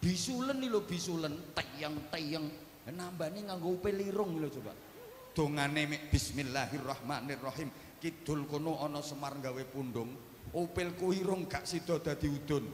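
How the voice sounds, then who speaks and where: A man's voice: on the high side, normal speed, a little hiss or hum. A man with an East Javanese accent giving a humorous sermon at an outdoor village gathering, telling jokey stories and chanting short prayers. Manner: joking storyteller, mixes chanted prayers in. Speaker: Islamic preacher. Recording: echoey outdoor PA with long reverb.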